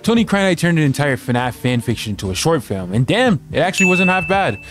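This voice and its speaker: Male commentary host; quick, lively, mid-pitched, casual and wryly joking. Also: background noise. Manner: slangy, sardonic, joking. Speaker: video essay host.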